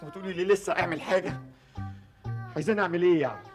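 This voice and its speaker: An actress as a frazzled Egyptian grown child who snaps back fast in a low voice, with faint music behind. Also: female voice, a little mellow, natural voice. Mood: exasperated. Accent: Egyptian Arabic. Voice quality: frazzled, exasperated.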